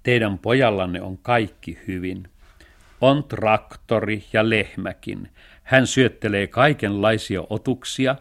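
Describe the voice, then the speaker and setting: A man's voice: lowish voice, a bit bright. A man voicing a nosy, fussy village postman in a radio storybook reading, pedantic and officious.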